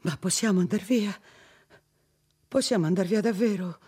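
A man's voice: high-pitched, moderate pace, mellow, breathy edge, pitched above the performer's own voice. A man voicing a frightened young woman held captive, speaking in a fearful, trembling way, in an audiobook reading.

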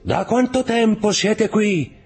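A man reading an audiobook voices an unseen, long-imprisoned man who questions another through the stone, in a husky, raised tone. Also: high voice, lively intonation, slow pace, soft background music, pitched above the performer's own voice, exaggerated voice. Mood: questioning. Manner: questioning, hushed and sepulchral. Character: mysterious male prisoner speaking through a wall, long confined.

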